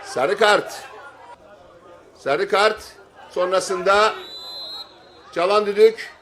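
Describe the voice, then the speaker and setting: High-pitched male football commentator over crowd noise. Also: a bit bright. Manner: clipped short phrases, drawn-out calls at key moments. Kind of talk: excited play-by-play football commentary, shouting at big moments. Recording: stadium crowd noise behind voice.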